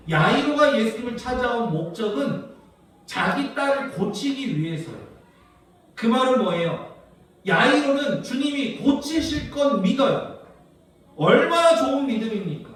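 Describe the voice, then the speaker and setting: A male pastor preaching a sermon. He asks the congregation questions and answers them himself, and he swings between hushed low lines and loud emphatic ones. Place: rural church sanctuary. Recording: echoey church hall, heard from far off.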